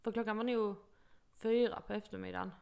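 A woman's voice: medium pitch, vocal fry, clean tone. A young woman from Sweden in her twenties, telling a story in casual chat and acting out what people said. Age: 20s. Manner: animated storytelling, acting out quotes, laughs often. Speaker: podcast co-host telling an au pair story.

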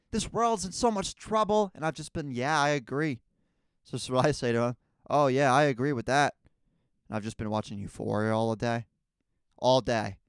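A young man hosting a podcast, rambling through a casual comedic monologue with crude, deadpan asides. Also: medium pitch, clear, resonant tone, no room sound, clean studio sound. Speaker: podcast host.

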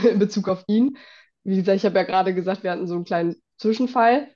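A young woman with a slight cold chats through a story in a casual podcast, full of fillers and bursts of laughter. Her voice sits at a middling pitch. The recording is somewhat dull and lo-fi. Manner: lively anecdote-telling, frequent fillers and laughs. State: has a cold, clears throat. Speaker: podcast host.

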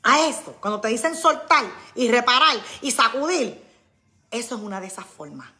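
Woman in her 40s, casual chat with viewers, highish bright voice, acts out her friends. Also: normal speed. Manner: animated, acts out quoted friends. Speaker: podcast host. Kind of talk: casual live talk to viewers.

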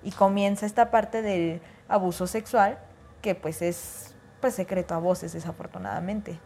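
A woman's voice: on the low side, unhurried, slight background noise. A woman in casual conversation, talking about raising children and acting out the voices of kids and parents. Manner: animated, acts out quoted voices.

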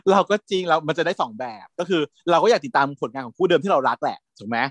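An animated, chatty man with a fairly high voice, gushing as he talks through TV series in a relaxed back-and-forth. The sound is dry and close, with no room around it. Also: rapid-fire, no echo. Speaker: podcast co-host. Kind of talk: casual chat about TV series.

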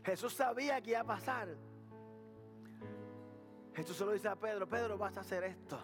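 Male pastor, high voice, preaching with call-and-response questions and acted-out dialogue. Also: normal speed, over music. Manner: preaching with repetitions and rhetorical questions to the congregation; acts out dialogue between Jesus and Peter. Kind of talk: sermon.

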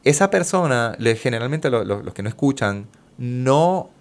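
A man talks casually as a guest on a show. He explains things with lots of examples and a lively, slangy delivery, and his voice sits at an ordinary middle pitch. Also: normal speed. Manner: animated, explains with examples, Caribbean Spanish slang. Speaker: guest, music therapist. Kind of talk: casual conversation.

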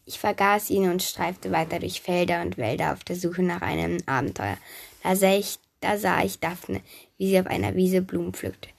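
A woman narrating a children's myth in first person, lively and chatty, speaking directly to the listener. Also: on the low side, moderate pace, creaky. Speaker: storyteller.

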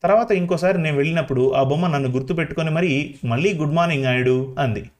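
A man's voice: on the high side, fast, darkish tone, lightly acted. A man voicing a boastful small-town gossip who tells showy tall tales. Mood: proud.

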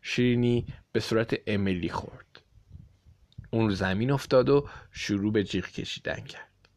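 A man narrates a children's storybook with an expressive, lively delivery. His voice sits low. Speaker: audiobook reader.

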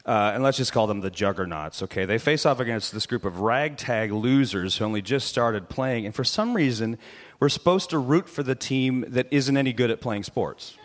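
Man, comic reporter, rambling rant, mid-pitched everyday voice. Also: normal speed. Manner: rambling, full of "like" and "you know". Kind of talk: comedic rant on live radio.

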